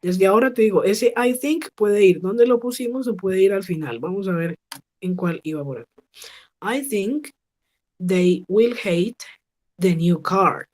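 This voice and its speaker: A woman teaching an English class over a video call. She models each phrase slowly and keeps checking with her students. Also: mid-range voice, animated, darkish tone. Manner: patient, slow model pronunciation with frequent check questions. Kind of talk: online class instruction.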